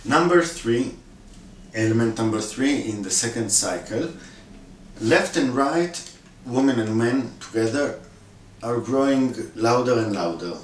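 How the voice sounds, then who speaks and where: Slow low-voiced man explaining a score. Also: slight background noise. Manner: demonstrates sounds with his own voice, many fillers. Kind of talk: instructional walkthrough. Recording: echoey room, voice from far off.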